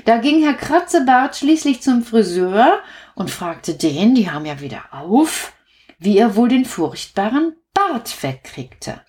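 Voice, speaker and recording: Slow, gentle woman telling a bedtime story. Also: fairly high pitch, big pitch swings. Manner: slow, gentle, talks to the listening children. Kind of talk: reading a bedtime story to children.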